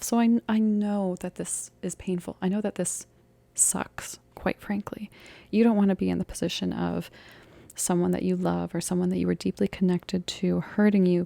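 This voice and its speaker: Woman, whispered role-play tarot reader, soft and soothing, gravelly and tired, close dry mic. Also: medium pitch, no room sound. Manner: soft, intimate, comforting, often dropping to an unvoiced whisper. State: voice tired and cracking.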